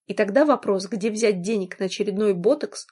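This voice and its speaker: A woman's voice: mid-range voice, brisk, a little mellow, slightly rough, close to an everyday voice. A woman reading an audiobook, voicing a furious wealthy man who swears and growls. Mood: threatening.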